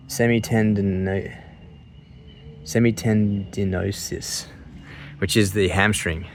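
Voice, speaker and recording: A man in his mid thirties with a deep, low voice talks casually as a vlogger. He rambles a little, hesitating and restarting his thoughts. There is noticeable ambient noise behind his voice. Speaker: vlogger sharing surgery recovery update.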